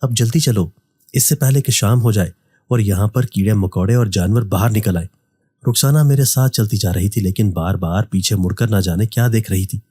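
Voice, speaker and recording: Low husky male storyteller. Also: no room sound, clean studio sound. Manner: steady first-person reading of a female narrator's story. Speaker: story narrator. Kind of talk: scripted horror story narration.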